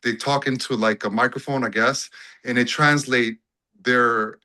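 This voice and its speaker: A man's voice: medium pitch, steady tone, a little slow, bright, forceful tone, rough recording. A man, calling in to a chat over a video call and telling a story in an easygoing way. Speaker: audience member calling in.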